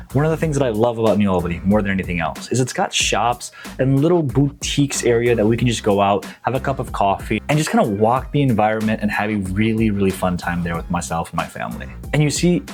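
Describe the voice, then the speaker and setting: A man's voice: mid-range voice, a little mellow. Upbeat young man, slangy vlogger. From Nepal. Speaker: real estate agent. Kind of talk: casual promotional vlog.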